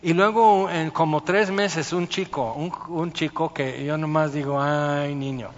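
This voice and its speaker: A man, a pastor preaching a sermon and telling stories with lively, acted-out voices. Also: fairly high pitch, unhurried. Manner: animated storytelling, acting out voices. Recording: muffled sound with long hall reverb.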